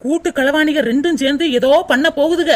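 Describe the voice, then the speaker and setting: A woman voicing a sharp-tongued young daughter-in-law in a cartoon, grumbling sarcastic asides. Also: high-pitched, steady tone, a little fast, close to an everyday voice.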